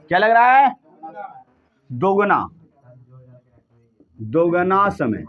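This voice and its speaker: Male teacher, high and animated voice, quizzes the class over and over. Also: lo-fi sound. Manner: drills students with repeated questions. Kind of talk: classroom lesson.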